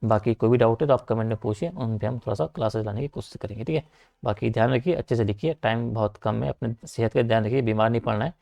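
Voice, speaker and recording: A young man teaches an exam-prep class in loose, conversational speech. His voice sits at a middle pitch with a gravelly roughness. He repeats himself and keeps checking in with the students. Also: fast talker, mellow. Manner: repetitive, checks in with frequent "theek hai"; direct, urging students to keep writing. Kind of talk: casual online class lecture.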